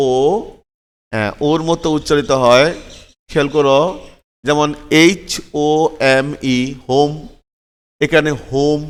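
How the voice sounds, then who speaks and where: A man's voice: fairly high pitch, clean tone. Patient man teaching phonics, echoey. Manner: patient, repetitive, checks in often with questions. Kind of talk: spelling out and pronouncing words for learners.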